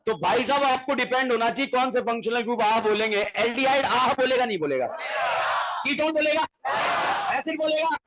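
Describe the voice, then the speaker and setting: A man teaching chemistry in a lively exam-prep class, calling out questions and often shouting. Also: very high voice, fairly quick. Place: classroom with students. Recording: noisy classroom with crowd voices.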